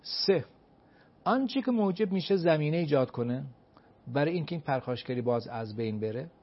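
A man's voice: on the high side, expressive. A man giving advice as an expert guest, emphatic, asking himself rhetorical questions and counting off his points one by one. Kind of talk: explanatory advice talk. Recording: dull lo-fi recording.

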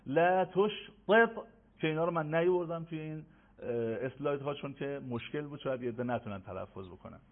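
A man teaching Quran recitation in an online lesson, slowly drilling letter sounds for listeners to repeat. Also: mid-range voice, gravelly. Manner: slow, emphatic drilling of sounds for repetition. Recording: tinny phone-like audio.

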